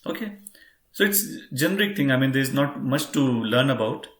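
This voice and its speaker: A man's voice: mid-range voice, animated, normal speed, a bit bright. Male teacher running an online class, patient, repeats and spells; roomy echo. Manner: patient, repeats and spells words out, addresses "friends". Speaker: German language teacher.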